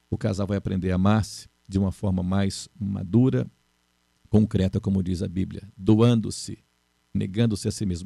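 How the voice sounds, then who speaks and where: A man's voice: on the low side, creaky, mellow, slightly rough, no echo. A middle-aged man preaching a sermon, earnest and repeating his key phrases. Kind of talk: sermon on marriage.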